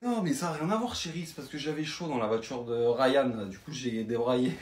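A man's voice: mid-range voice, brisk. A man playing a sheepish boyfriend who makes placating excuses in a comedy sketch. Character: sheepish boyfriend home late. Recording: roomy echo.

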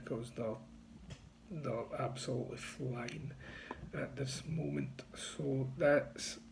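Filmed on a phone's front camera at arm's length in a small room, a thirty-something betting tipster chats confidently and pushes his picks. His medium-pitched voice is creaky and darkish, with a little hiss or hum in the audio.

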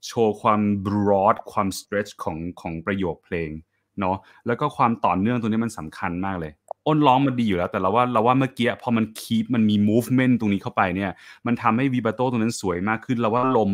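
A man with a lowish voice leads an online classical singing masterclass in a friendly, encouraging manner. He sings short phrases as demonstrations and sprinkles English and Italian musical terms through his speech.

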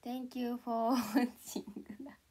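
A young woman chatting casually to viewers on a livestream, playful and giggly, sometimes dropping into soft whispers. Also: on the high side, flat delivery, extremely slow. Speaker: idol livestreamer.

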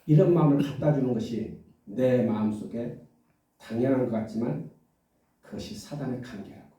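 A male pastor preaching a sermon with lively delivery, often asking the congregation questions and acting out biblical voices. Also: mid-range voice, moderate pace. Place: church sanctuary. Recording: echoey church hall from far off.

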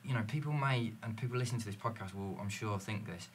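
A company representative on a panel speaks quickly in a lowish voice, explaining fluently and sharing stories from his business. The recording, made in a dim studio lounge, carries a slight hiss or hum.

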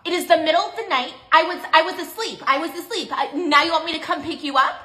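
A woman's voice: very high-pitched, quick pace, pushed and bright, roomy sound. Woman playing a fussy doting mom. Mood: sleepy annoyed. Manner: swings between stern and doting. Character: mother, middle-aged, fussy and doting.

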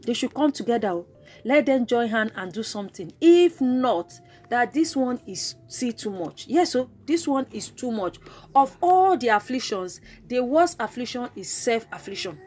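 A woman's voice: on the high side, sing-song, moderate pace, darkish tone. A woman with a Nigerian accent hosting her own gossip vlog, retelling what others said in an emphatic, dramatic storytelling way with repeated asides and exclamations. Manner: bursts of exclamations and sound effects. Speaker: celebrity gossip vlogger.

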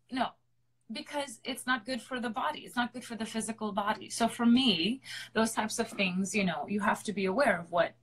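A woman's voice: medium pitch, fairly bright tone, breathy edge, rough recording. A woman opera singer, a guest in a live online interview, explaining things earnestly and repeating her points for emphasis.

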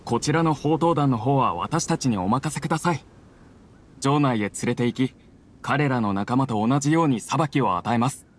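A man's voice: mid-range voice, normal speed, natural voice. A man voicing a polite, dutiful young guard in a video game, speaking formally. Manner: formal, respectful.

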